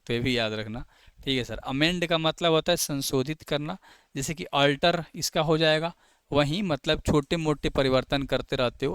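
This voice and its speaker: A man teaching vocabulary for competitive exams in a lively, call-and-response way, often checking whether students have understood. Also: medium pitch, clean tone, dry recording. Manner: lively, asks students "clear है?" and answers himself. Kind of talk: Hindi exam-prep vocabulary lesson.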